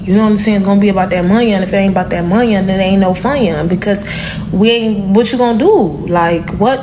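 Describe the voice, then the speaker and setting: Blunt woman talking over background noise. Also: medium pitch. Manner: blunt, rhetorical, repeats "okay". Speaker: commenter in a stitched clip. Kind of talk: opinionated casual talk. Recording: clip with clear background noise.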